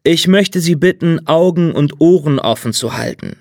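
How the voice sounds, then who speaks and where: A man's voice: fairly high pitch, moderate pace, gravelly, a little mellow, dry recording, clean studio sound. A man voicing a cold, insistent middle-aged state official in an audiobook reading. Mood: persuasive.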